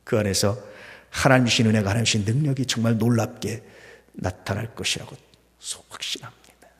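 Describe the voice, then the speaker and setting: A man preaching a sermon as pastor, swinging between loud emphatic peaks and hushed near-whispers, full of rhetorical questions to the congregation. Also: on the low side, quick pace. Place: church sanctuary. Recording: long hall reverb.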